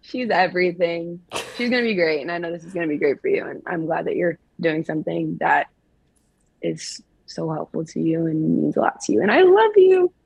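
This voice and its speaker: Husky girl guesting on a podcast, kinda low voice, blunt and joking. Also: steady tone, a little fast, no room sound, low-quality recording. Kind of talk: casual podcast chat.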